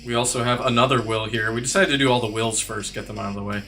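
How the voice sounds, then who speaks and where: A man's voice: mid-range voice, fairly even intonation, fast talker, pushed and bright, faint music behind. A man hosting a game launch livestream, talking casually over voice chat with many fillers. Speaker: game studio host.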